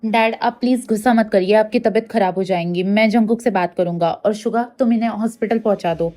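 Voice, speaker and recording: A woman voicing a calm, responsible elder brother who reassures his father in a story reading. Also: mid-range voice, fast talker, faint music behind, voice pushed down, lightly acted.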